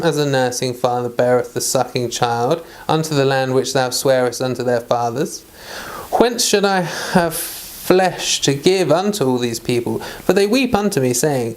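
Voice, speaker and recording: A host reads the Bible aloud in a cozy devotional read-along, speaking in a medium-pitched voice. The reading swings between formal scripture and relaxed, conversational remarks, meant both for the reader and for those listening.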